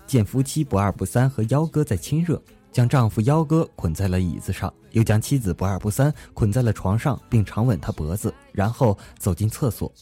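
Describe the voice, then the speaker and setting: Lively, smooth-paced male radio joke teller. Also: lowish voice, fairly quick, few pauses, soft background music. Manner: animated storytelling, acts out punchlines. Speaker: radio show host. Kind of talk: lively comedic joke-telling radio narration.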